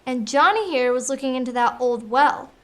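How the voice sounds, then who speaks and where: A woman's voice: high voice, moderate pace, a bit bright. A female performer playing a sensible, exasperated older-sister girl in a family drama. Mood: relieved, dry. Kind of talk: acted family film dialogue.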